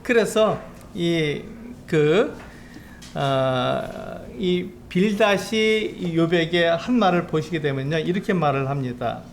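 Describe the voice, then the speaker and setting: A man preaches a sermon in a relaxed, explaining tone, his voice sitting high for a man. He lifts his pitch further when he acts out quoted speech. A faint background hiss lies under the recording, which was made in a church. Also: slow, gravelly. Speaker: pastor. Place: church sanctuary.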